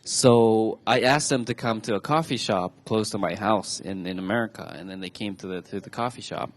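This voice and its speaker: With a voice on the lower side, this twenty-something from Thailand recounts personal stories to a live talk show audience on stage. His telling is chatty and hesitant, with lots of restarts.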